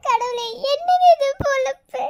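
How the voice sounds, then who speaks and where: A shrill cartoon med student in pain. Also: female voice, measured pace. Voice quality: very high, bright girlish voice.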